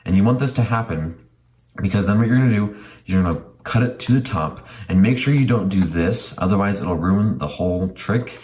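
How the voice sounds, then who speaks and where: A man's voice: deep voice, fairly quick, a little mellow. A man presenting a magic tutorial, explaining step by step in an informal, repetitive instructing way. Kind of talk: casual step-by-step tutorial narration. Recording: music playing behind the voice.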